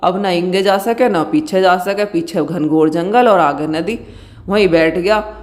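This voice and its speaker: Homely devotional tale storyteller. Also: mid-range voice. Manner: unhurried, homely storytelling with fillers. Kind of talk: devotional folk tale narration.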